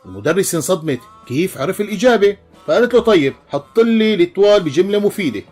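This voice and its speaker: A man with a Levantine Arabic accent telling a string of jokes, animated, slipping into character voices and chuckling along. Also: high voice, fast, husky, faint music behind. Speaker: joke teller. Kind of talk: voiced joke compilation.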